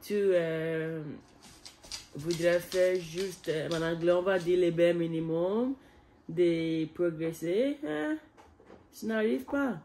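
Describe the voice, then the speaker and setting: A woman with an English accent and English as her first language talks slowly in a casual daily vlog. She hesitates and pauses often as she searches for words, filmed on a phone outdoors with a faint outdoor ambience behind her. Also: on the low side, mellow, slight background noise. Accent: English-speaking. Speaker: vlogger learning French. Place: outdoors on a foggy day.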